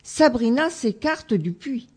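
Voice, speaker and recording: A woman reads a children's fairy tale in a slow, gentle way. Her voice is slightly high and husky. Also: expressive. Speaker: storyteller. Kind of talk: reading a children's tale aloud.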